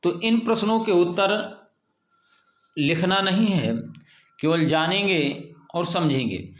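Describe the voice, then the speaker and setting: A man with a fairly high voice teaches a recorded grammar lesson to his students. He explains patiently and goes back over the key points. His voice rings in an echoey room. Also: slow pace. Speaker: school Hindi teacher.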